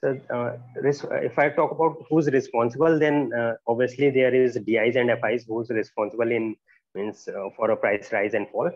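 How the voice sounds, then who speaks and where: A young man giving halting, deferential answers as a candidate in a job interview. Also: medium pitch, steady tone, dry recording. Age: young adult. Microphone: earphone mic on a video call. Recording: dull lo-fi video call audio.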